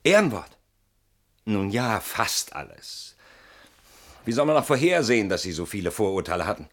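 An actor in a German radio play portrays a man weighed down by a guilty conscience who dodges and justifies himself, speaking haltingly and broodingly and then breaking into sudden protests. His fairly low voice is a bit bright and swings widely in pitch.

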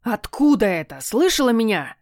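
A woman voicing a stern, sardonic male talking cat in a storybook reading, with a mocking drawl and curt, gruff replies. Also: on the high side, very animated, moderate pace, darkish tone, no room sound, studio quality.

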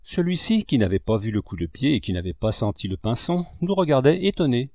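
A man narrating a novel as an audiobook, in an expressive, dramatic storytelling voice. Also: medium pitch, fairly quick, no echo, studio quality. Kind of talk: audiobook reading.

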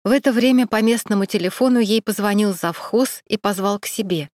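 A woman narrating an audiobook in a steady, even storytelling manner. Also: medium pitch, fairly quick, no echo, studio quality. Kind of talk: scripted narration.

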